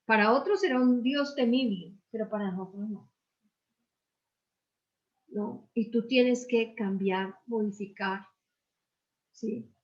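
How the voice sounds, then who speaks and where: An older woman pastor speaking in a slightly high voice, weaving personal stories into her sermon. She keeps asking her listeners questions. The sound is muffled and lo-fi. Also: slow, pauses often. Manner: earnest, personal storytelling with rhetorical questions. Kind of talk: sermon dialogue.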